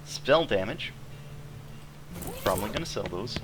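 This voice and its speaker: A man's voice: lowish voice, lively intonation, measured pace, noisy background. A man giving casual gameplay commentary, reading game text aloud in an offhand way with playful asides. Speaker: video game streamer. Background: music with guitar.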